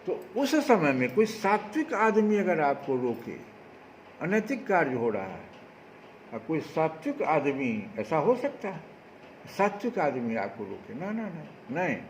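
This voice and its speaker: Guy preaching a spiritual talk, bit high voice, asks the crowd questions, muffled recording with faint background noise. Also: measured pace, roomy sound. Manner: animated preaching with rhetorical questions. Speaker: spiritual speaker. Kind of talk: devotional discourse.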